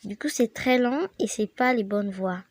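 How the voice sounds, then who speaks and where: A woman's voice: medium pitch, normal speed, no echo. A woman with the flu giving a chatty, rambling game tutorial and speaking straight to her viewers. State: sick with the flu, voice affected. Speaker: gaming channel host. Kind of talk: casual game tutorial narration.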